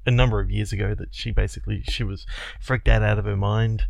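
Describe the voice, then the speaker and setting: A man's voice: lowish voice, fairly even intonation, quick pace, vocal fry, no room sound. A man in his thirties co-hosting a podcast, telling stories in a chatty way and laughing at himself. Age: 30s. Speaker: podcast co-host. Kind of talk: casual chat.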